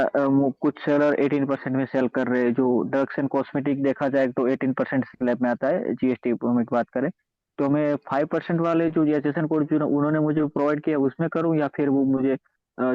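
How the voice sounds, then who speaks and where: A man calling in to a live stream over a phone line, asking a question and filling pauses with "uh". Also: medium pitch, no room sound. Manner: hesitant, fills pauses with "uh". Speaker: caller. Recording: dry, muffled phone-line audio.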